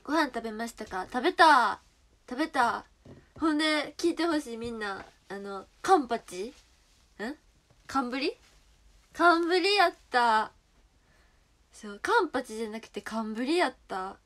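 A woman's voice: a little high, lively intonation, moderate pace, a bit bright. A young woman with a Kansai accent chatting casually with viewers on a livestream, playful and direct. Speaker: idol livestreamer.

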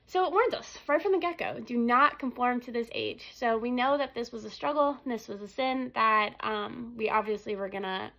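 A young woman speaks earnestly into her phone in a small room, sharing a casual devotional talk with plenty of ums. Her voice sits fairly high with a gravelly, fry-laden edge. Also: normal speed, few pauses, a bit bright, poor audio. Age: young adult. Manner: earnest, conversational, frequent ums. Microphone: phone camera at arm's length.

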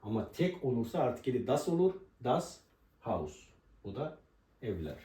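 A man teaching a language lesson at a board, explaining pronunciation and slowly repeating each example word. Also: mid-range voice, big pitch swings, mellow. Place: room with a writing board. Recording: roomy echo, voice from a distance.

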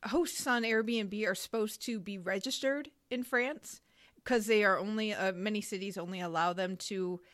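A woman's voice: medium pitch, a bit bright, dry recording. Chatty woman podcast host, dry sound. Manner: brisk, chatty, laughs easily. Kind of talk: casual podcast chat.

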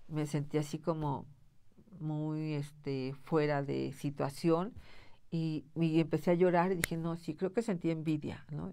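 Lowish-voiced woman teaching. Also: creaky, darkish tone, no echo. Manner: conversational, frequent "este" fillers and "¿sí?" check-ins. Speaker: thanatology instructor. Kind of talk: live broadcast lecture.

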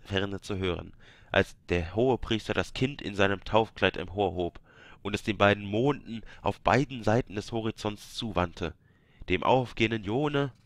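A reader of game books reads a fantasy game book aloud, occasionally breaking off to joke with his listeners. His voice is on the low side with a fairly bright tone, and the recording is dry.

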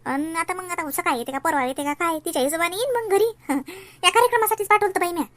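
A woman's voice: very high voice, fast, fairly bright tone. Chatty woman. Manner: chatty, fussing village banter. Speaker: comedy sketch actor. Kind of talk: village comedy sketch.

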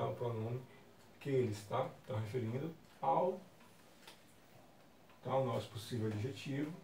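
Slow, gravelly Brazilian male teacher. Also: medium pitch, mellow. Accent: Brazilian Portuguese. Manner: slow and patient, with frequent checking tags. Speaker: English teacher. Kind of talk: recorded classroom lesson. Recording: echoey room, distant mic, faint noise.

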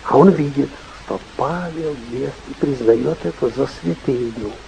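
An older man, in his sixties or beyond, preaching an informal, emphatic sermon with repeated phrases and a raspy voice, speaking at a stand microphone. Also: mid-range voice, unhurried, a little mellow, slight background noise, poor audio. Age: 60s or older. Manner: emphatic, repetitive, acting out short anecdotes and dialogue. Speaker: bishop preaching. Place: stage of a hall, indoors.

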